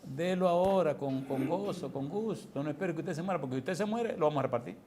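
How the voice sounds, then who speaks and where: A middle-aged male pastor, telling stories in a lively, animated sermon full of exclamations and chuckles. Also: a little high, fairly quick, crowd noise. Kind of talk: storytelling sermon.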